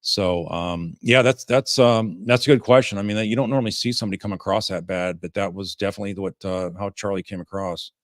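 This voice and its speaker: A man with a fairly low voice gives informal legal commentary as a livestream host. His delivery is halting and rambling, and the sound is dry and close. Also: steady tone, dry recording. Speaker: host, defense lawyer commenting on a trial.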